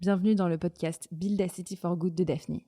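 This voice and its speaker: Lady hosting a podcast, lowish warm voice, chatty intros. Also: fairly even intonation, a little fast, husky. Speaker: podcast host.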